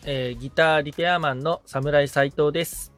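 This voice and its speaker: Soft music plays beneath a man with a slightly high, fairly bright voice who speaks at a moderate pace with fairly even intonation. He is a guitar repairman serving as a podcast's assistant, chatting casually as he answers the host's questions in an interview.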